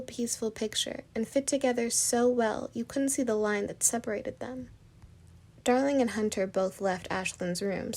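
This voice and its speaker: A woman narrating her own fan story in a steady, plain reading voice. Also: fairly high pitch.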